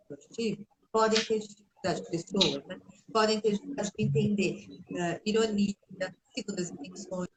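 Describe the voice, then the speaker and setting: A woman's voice: medium pitch, poor audio. A woman guest speech therapist explaining in a conversational way on a video call, with many tag questions. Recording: faint noise and clicks on a call.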